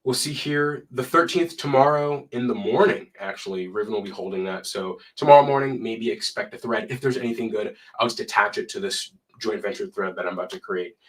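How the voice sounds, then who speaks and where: A man's voice: on the low side, brisk. A young man with a stuffy, cold-blocked voice, hosting a casual live stream and reading numbers aloud with chatty asides. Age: young adult. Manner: chatty, reads figures aloud and adds asides.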